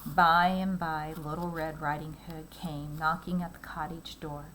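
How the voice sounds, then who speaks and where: A woman teacher reading a fairy tale aloud to her class in a calm, clear, measured way. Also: deep voice, a little hiss or hum, poor audio. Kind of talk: read-aloud storytelling.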